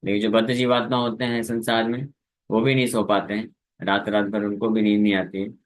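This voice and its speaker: A man's voice: lowish voice, little pitch movement. A man preaching a scripture lecture, explaining Sanskrit verses in Hindi with English words mixed in and sometimes singing the verses. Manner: sings verses slowly between spoken explanation.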